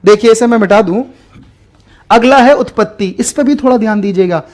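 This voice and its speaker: High-voiced man teaching a grammar lesson. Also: a little fast, darkish tone. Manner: explains patiently, repeats key terms, asks and answers his own questions. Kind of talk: online exam-prep grammar lesson.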